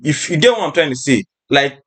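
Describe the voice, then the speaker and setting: A young Nigerian man speaks as a podcast host, with a voice pitched a little higher than most men. His delivery is informal and chatty, sprinkled with slang. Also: expressive, brisk. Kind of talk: casual podcast chat.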